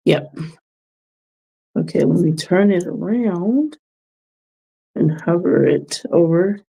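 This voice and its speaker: While crafting, a woman vlogger talks easily to her audience, musing thoughtfully and giving gentle life advice between soft chuckles. She speaks slowly in a fairly low, mellow voice with a darker tone.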